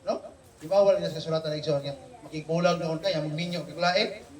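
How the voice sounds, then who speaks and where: A man with a high, light voice leads a family Bible study, animated and teasing, tossing "no?" at his listeners every few phrases. He sounds set back from the mic in an echoey room. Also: brisk, far from the mic. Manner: animated, teasing, keeps checking in with "no?". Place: home room with family gathered.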